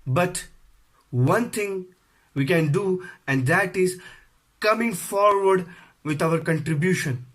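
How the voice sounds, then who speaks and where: A man's voice: high-pitched, slow pace, long pauses. A man giving an earnest video message, building on repeated phrases. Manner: earnest, appeals to others, repetitive phrasing.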